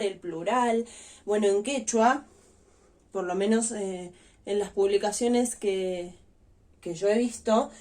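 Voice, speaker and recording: Woman teacher, online lesson, patient step-by-step delivery, mid-pitched voice. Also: a little mellow. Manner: patient, explains step by step, stresses example words. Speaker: language teacher.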